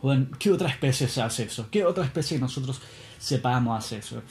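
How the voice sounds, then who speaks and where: A man's voice: mid-range voice, expressive, quick pace, darkish tone, soft background music. A man in a casual monologue, rambling and musing with plenty of swearing.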